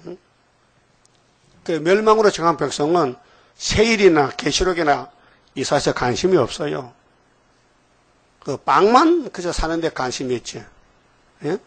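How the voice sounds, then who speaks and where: A man's voice: a little high, husky. A middle-aged man preaching a sermon in a church, peppering his congregation with rhetorical questions and folksy asides. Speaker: pastor.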